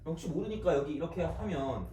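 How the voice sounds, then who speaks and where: A male math teacher giving a casual, joking lecture to his students, with quick asides. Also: fairly high pitch, animated, background noise. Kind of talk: recorded classroom math lecture. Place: classroom. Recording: echoey classroom, mic at a distance.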